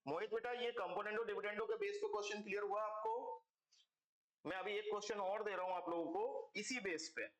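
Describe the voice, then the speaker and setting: Speaking briskly with fairly even intonation, a high-voiced man teaches math online from an echoey room. He breaks everything into steps and keeps checking on his students, whom he calls kids, "beta" and "bachcho".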